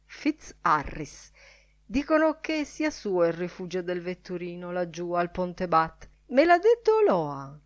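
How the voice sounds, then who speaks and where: A woman's voice: fairly low pitch, very animated, a little slow. A woman reading aloud, voicing a man in a newsroom who passes on gossip in a matter-of-fact way.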